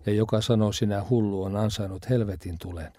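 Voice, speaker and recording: A man delivers a sermon in a low, mellow voice. He speaks in a measured, reflective way and often sinks to a soft near-whisper to stress a point. The sound is dry and close, with no room echo. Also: fairly even intonation. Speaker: preacher.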